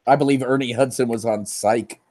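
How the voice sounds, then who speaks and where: A man with a dark, relaxed voice of ordinary pitch chats casually on a livestream. He is laid-back and hesitant, pausing to hunt for words, with the odd offhand swear. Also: dry recording.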